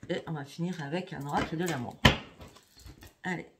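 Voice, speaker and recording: A woman with a low, brisk voice does a tarot reading for her viewers as a psychic card reader, chatting casually and often checking in with "hein" and "d'accord." Steady background noise and clicks run through the recording.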